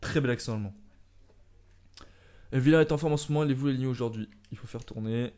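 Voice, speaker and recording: Excitable young man commentating his gameplay. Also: medium pitch, racing, smooth. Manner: bursts into loud excited shouts during play, then calm musing. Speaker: video game player commentating his own match. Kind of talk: excited let's-play commentary.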